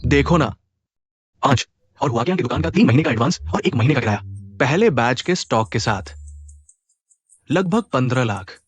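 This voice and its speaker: A man's voice: medium pitch, expressive, normal speed, long pauses, breathy edge, no room sound. A man dubbing a fatherly, persuasive middle-aged shopkeeper in a drama. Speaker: uncle figure and business partner. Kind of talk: dubbed drama acting.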